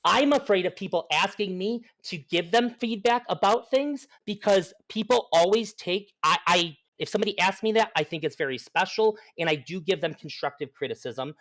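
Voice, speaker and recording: A man's voice: sits high, normal speed, hardly any pauses, a bit bright. A man in a heated online debate, speaking bluntly and earnestly while his mic clips and distorts from being too close. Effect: clipping distorted mic, peaking from being too close. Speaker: debate participant. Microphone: personal mic held too close.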